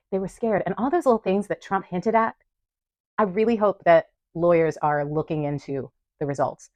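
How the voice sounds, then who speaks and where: A woman's voice: on the low side, a little mellow, dry recording. A young woman speaking to camera at home, defiant and frank, with bursts of laughter between her points. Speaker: vlogger. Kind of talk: impassioned commentary to camera. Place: room at home in front of a wall of photos.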